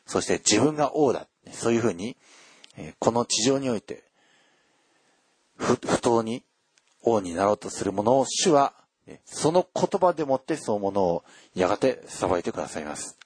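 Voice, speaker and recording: A man preaching a sermon and reading scripture aloud, earnest and emphatic, with frequent filler pauses. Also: lowish voice, very animated, darkish tone, slightly rough, no room sound. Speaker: pastor.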